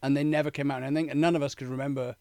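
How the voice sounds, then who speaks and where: A man, a guest in a casual interview, telling animated stories with plenty of swearing. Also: medium pitch, very fast, no room sound. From born in Zambia, raised in Cornwall, England. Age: 50s. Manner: swearing, animated storytelling with acted quotes.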